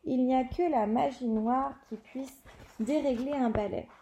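A woman reading a storybook aloud, voicing a big gruff kindly man who grumbles. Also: high-pitched, fairly even intonation, a little slow, background noise. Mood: worried.

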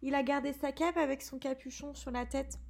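Kindly giant gamekeeper, rambling, candid, woman reader doing him in her own high voice. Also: fairly even intonation, fairly quick, vocal fry. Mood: chatty. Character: big gruff kindly male gamekeeper, chatty.

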